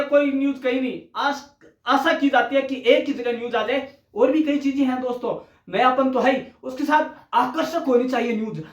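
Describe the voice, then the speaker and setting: A man's voice: very high voice, fairly bright tone. A male teacher giving a conversational recorded lecture, often addressing listeners as friends. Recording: echoey room.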